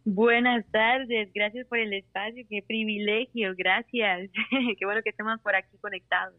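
A woman's voice: medium pitch, fairly even intonation, normal speed, no echo. A woman raised in Costa Rica and Panama, a singer-songwriter guest chatting in an interview over the phone and laughing often between phrases. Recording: tinny phone line.

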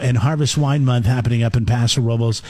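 A man's voice: mid-range voice, darkish tone, no echo, soft background music. Man, radio host, joking, casual chat, dry studio sound. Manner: joking, teasing, quick. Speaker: radio morning show host. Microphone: studio microphone.

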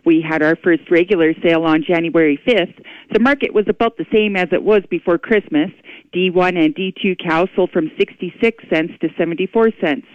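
A woman's voice: lowish voice, a little fast, no room sound. A woman reading a scripted livestock market report. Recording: dull lo-fi radio report.

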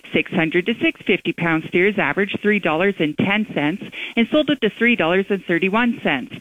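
A woman's voice: mid-range voice, dry recording. A woman reading scripted livestock prices for a radio farm report. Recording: dull band-limited radio report.

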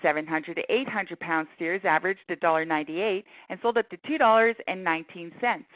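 A woman's voice: lowish voice, a little fast, fairly bright tone, no room sound, rough recording. A woman reading a scripted livestock market report for farm radio.

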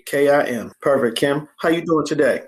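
A man's voice: a little high, normal speed. A man hosting a casual interview show, joking, rhyming and repeating phrases for emphasis. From Harlem, New York. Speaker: podcast host.

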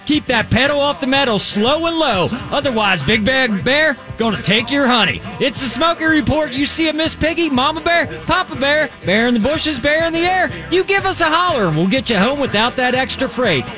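A man's voice: very high-pitched, expressive, moderate pace, hardly any pauses, music in the background. A man voicing a trucker calling out road warnings over a CB radio in trucker slang. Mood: folksy. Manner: trucker CB radio lingo, drawling warnings to drivers. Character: fast-talking male trucker on a CB radio.

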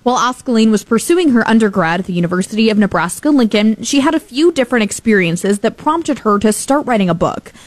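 A woman's voice: fairly high pitch, lively intonation, quick pace, few pauses, dry recording. Woman reporter narrating a radio feature. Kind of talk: scripted news feature narration.

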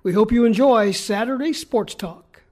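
A male sports radio host talks in an informal, easygoing style. His voice is mellow and sits in a dry studio sound with broadcast processing, at a middle pitch. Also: normal speed, no room sound. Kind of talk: conversational live sports radio talk.

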